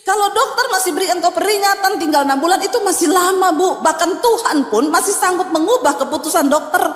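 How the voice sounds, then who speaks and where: A woman pastor preaching a sermon with a Javanese-tinged accent, animated and chatty, swinging between loud exclamations and hushed lines, with joking asides. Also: high voice. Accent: Indonesian with Javanese touches. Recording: echoey church hall with music.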